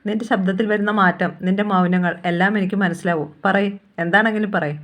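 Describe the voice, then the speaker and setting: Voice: medium pitch, fairly even intonation, quick pace, a bit bright, close to an everyday voice. Audiobook figure: teasing, caring young woman friend, coaxing questions; read by the narrator in a near-natural voice. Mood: playful.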